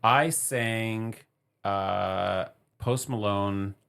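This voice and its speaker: A man's voice: lowish voice, drawn-out words, vocal fry, fairly bright tone, clear, resonant tone. A man co-hosting a podcast in casual chat, wry and teasing, with dry asides. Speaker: podcast co-host.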